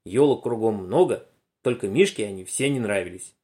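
A man narrating a children's story aloud in an expressive, animated way. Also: fairly low pitch, normal speed.

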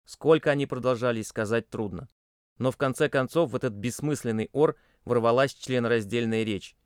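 A man reading a suspenseful audiobook with tense, expressive storytelling into a close mic. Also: medium pitch, normal speed, smooth, dry recording. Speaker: narrator. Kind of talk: dramatic audiobook narration.

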